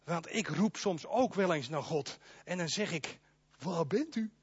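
A man preaching a sermon in a church, emphatic and animated, speaking straight to his congregation. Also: a little high, unhurried, dull audio, slight background noise. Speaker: pastor.

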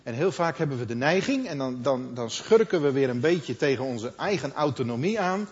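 Middle-aged preacher in a reverberant hall. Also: male voice, medium pitch, normal speed. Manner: conversational, quotes others in lively asides. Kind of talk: sermon. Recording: dull sound with long hall reverb.

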